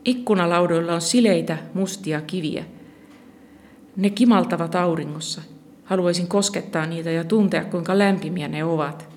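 A narrator reading a first-person short story in a calm, steady storytelling manner. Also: mid-range voice, a little hiss or hum.

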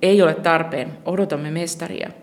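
Reader doing a brisk nurse lady, curt and bossy, kinda gravelly. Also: medium pitch, steady tone, lightly acted. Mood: matter-of-fact. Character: brisk female nurse, matter-of-fact.

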